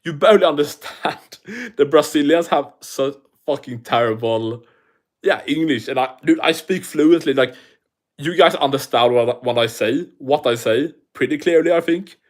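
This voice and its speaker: A man speaks at a moderate pace in a fairly high voice. Hosting a relaxed livestream in a thick non-native accent, he swears, rambles and keeps restarting as he replies to comments from viewers.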